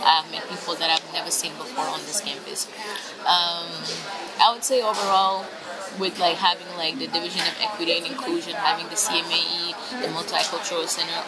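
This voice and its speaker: A woman's voice: lowish voice, rough recording. A young woman in her twenties from Senegal, a university student, talking casually to the camera with many fillers in a large campus atrium. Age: 20s. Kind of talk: casual vlog talk to camera. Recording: loud background noise.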